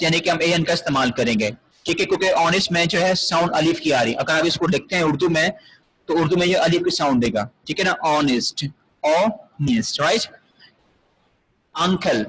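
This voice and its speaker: Husky-voiced man teaching grammar step by step. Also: a little high, a bit bright, low-quality recording. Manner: explains step by step, repeating key words and asking rhetorical questions. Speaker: English teacher. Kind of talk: classroom grammar lecture.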